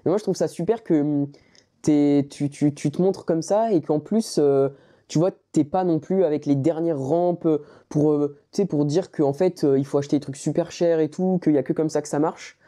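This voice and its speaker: Young Frenchman with a very dark voice. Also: on the high side. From France. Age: young adult. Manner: halting, searches for words. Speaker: interviewer and channel host. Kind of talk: casual conversational interview.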